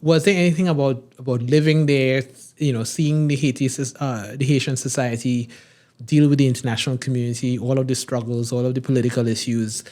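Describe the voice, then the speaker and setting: A man from Trinidad hosting a podcast interview, asking long, halting questions full of fillers and giving frequent short acknowledgements. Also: mid-range voice, steady tone, darkish tone. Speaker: podcast host.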